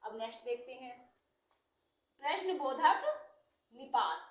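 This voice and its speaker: A woman teaching Hindi grammar, explaining slowly and repeating each term with examples. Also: high voice, lively intonation, echoey room. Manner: slow, repeating terms and examples. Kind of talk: explanatory lesson.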